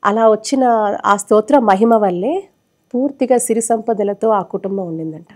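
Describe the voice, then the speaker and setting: Woman, studio devotional speaker; warm, earnest explainer. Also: mid-range voice, normal speed. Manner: earnest, explanatory, shares own experience. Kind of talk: live TV devotional talk.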